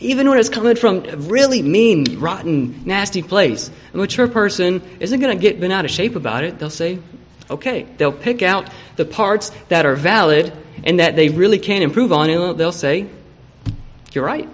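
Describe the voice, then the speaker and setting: Preacher, male, fairly high voice, chatty delivery with acted-out quotes, dull lo-fi recording. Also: animated, moderate pace, a little hiss or hum. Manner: conversational, acts out quoted people. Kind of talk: evening sermon.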